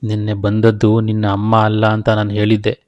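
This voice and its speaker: A man doing a stern, hushed father. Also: fairly low pitch, completely flat delivery, normal speed, natural voice. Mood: grave. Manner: firm, hushed, commanding. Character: stern protective village father.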